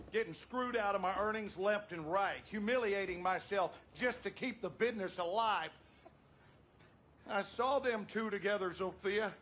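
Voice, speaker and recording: An actor playing a bitter, abusive husband in a video game, with a Southern American accent and a menacing, aggrieved delivery. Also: male voice, sits high, fairly bright tone, slight background noise. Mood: aggrieved, furious. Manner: menacing, aggrieved, folksy cursing. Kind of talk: dramatic video game acting.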